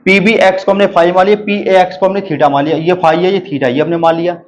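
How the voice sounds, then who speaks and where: A man's voice: high voice, level tone, muffled recording. A man teaching a maths lesson, repeating each step and asking and answering his own questions. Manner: reads English problem text slowly and deliberately. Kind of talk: board lesson explaining proofs.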